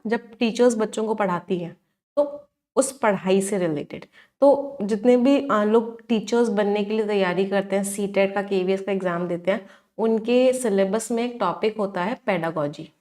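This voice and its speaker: A woman's voice: mid-range voice, moderate pace, darkish tone. A young woman teaching exam-prep vocabulary, mixing in terms, asking questions and answering them herself.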